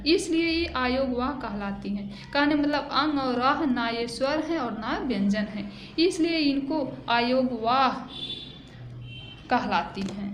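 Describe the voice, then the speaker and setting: A high-pitched woman with an eastern Uttar Pradesh accent teaches grammar to schoolchildren, going slowly and checking that they follow. The room rings with echo and there is a faint hiss behind her. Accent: eastern Uttar Pradesh Hindi. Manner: slow, explaining, repeats and asks "है ना". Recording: echoey room with faint noise.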